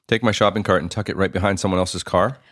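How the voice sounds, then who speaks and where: Deep fast-talking joking man co-host. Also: fairly even intonation, fairly bright tone, no room sound, studio quality. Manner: joking, talks while eating. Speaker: podcast co-host. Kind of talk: casual chat.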